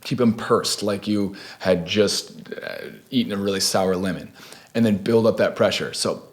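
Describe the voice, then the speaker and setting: A man's voice: lowish voice, moderate pace. A young man hosting a casual video tutorial, laid-back and chatty with lots of fillers and restarts. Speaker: beatbox tutorial host.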